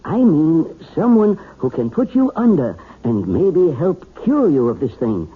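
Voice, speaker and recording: On a narrow, phone-like old radio recording, a plain-spoken family doctor offers tentative reassurance. His voice is very husky and a little high, rising and falling freely in a folksy way. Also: very animated, measured pace, heavily acted. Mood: reassuring. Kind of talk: 1970s radio drama acting. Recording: muffled, tinny old radio broadcast.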